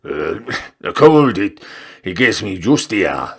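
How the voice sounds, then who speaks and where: Casting: ailing barfly for a story reading, played by a man, halting, puffing, full of complaint, lively in pitch. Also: gravelly, husky, full character voice. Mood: suffering, complaining. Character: ailing, grumbling male Welsh pub regular, puffing and shuddering.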